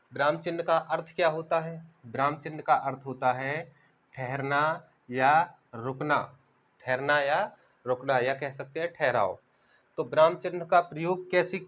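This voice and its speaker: A young man teaches an exam-prep grammar lesson online in a steady, middle-pitched voice. He repeats his key words and keeps asking the class questions before he answers them. The recording sounds dull and lo-fi.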